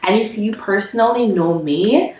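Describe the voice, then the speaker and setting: Nasal with a cold, this Jamaican woman shares a casual, candid vlog update about her life, sighing and using plenty of fillers. Her mid-range voice moves at a moderate pace, captured from a distance in a very echoey room while soft music plays behind her.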